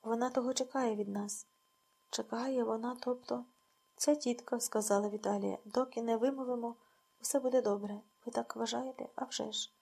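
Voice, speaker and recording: Woman, audiobook narration, quiet restrained reading, creaky, husky. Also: on the high side, fairly even intonation, normal speed. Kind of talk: scripted narration.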